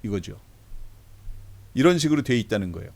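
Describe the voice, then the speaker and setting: A middle-aged man, a pastor, giving a conversational Bible lesson and reading verses aloud slowly. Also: fairly low pitch, lively intonation, gravelly, a little mellow. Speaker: pastor teaching a Bible class. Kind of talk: lecture, explaining Bible translations.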